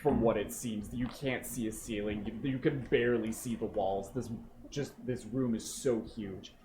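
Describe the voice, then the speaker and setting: A man's voice: on the low side, fairly even intonation, moderate pace, background noise. A man narrating as game master in a loose, chatty way with many fillers.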